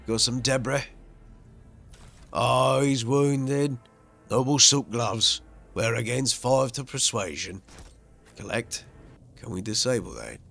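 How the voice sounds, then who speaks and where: A man commenting excitedly as he plays a video game and reads its text aloud expressively. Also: mid-range voice, slow pace, vocal fry, long pauses, soft background music. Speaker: gaming video host.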